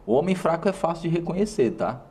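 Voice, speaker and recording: A man's voice: fairly high pitch, sing-song, fast, warm tone. A man with a Brazilian Portuguese accent delivers a motivational talk. He addresses the viewer directly and stresses his points with short, punchy phrases that he often repeats. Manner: emphatic, speaks directly to the viewer. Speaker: host.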